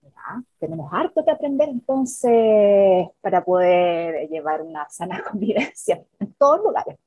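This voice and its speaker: A woman from Chile hosts the conversation, friendly as she sums up points and introduces questions. Her voice is mellow and breathy, and it is recorded dry and close. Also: medium pitch, sing-song, measured pace, dry recording, lo-fi sound. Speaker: host. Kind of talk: interview hosting.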